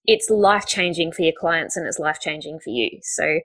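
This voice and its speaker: A woman's voice: low voice, animated, a little fast, fairly bright tone, poor audio. A woman hosting a podcast, upbeat and effusive, laughing easily as she talks with her guest. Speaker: podcast host. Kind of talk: casual interview talk.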